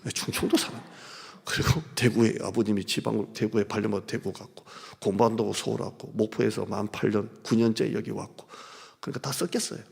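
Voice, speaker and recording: Middle-aged pastor booming then whispering. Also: male voice, steady tone, fairly quick, vocal fry, slightly rough. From South Korea. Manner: swings from shouted appeals to hushed whispers. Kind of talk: revival sermon. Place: large church sanctuary. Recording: long church hall reverb.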